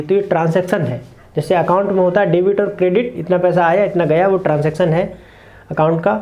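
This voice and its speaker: Male meditation teacher, higher register and warm mellow tone, earnest and repetitive delivery to camera. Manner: earnest, repeats points in short lists. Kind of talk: explanatory talk to camera. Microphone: camera mic, speaking to camera.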